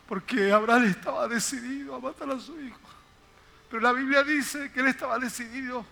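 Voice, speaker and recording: High, bright-voiced older man preaching. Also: gravelly. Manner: emphatic, repetitive preaching, addressing the congregation. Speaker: pastor. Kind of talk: sermon. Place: church service.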